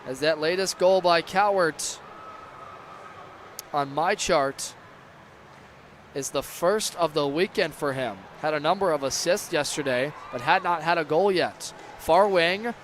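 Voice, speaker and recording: A man doing live play-by-play commentary of an ice hockey game. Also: fairly high pitch. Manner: erupts into excited shouts on big plays. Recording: clear background noise.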